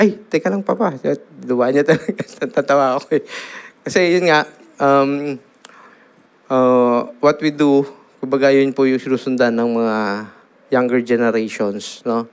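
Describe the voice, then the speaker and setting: A middle-aged Filipino man preaching a sermon, telling stories in lively mixed Tagalog and English and checking in with the congregation with "no?". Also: mid-range voice, clear, resonant tone. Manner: animated storytelling, Taglish with frequent "no?" tags. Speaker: pastor.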